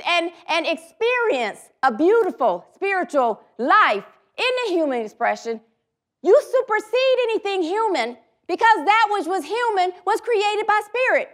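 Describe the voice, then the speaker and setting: A preacher with a high, slightly bright voice delivers a sermon in a chatty, loosely rambling style. She wanders into side remarks, then leads the room in call-and-response affirmations.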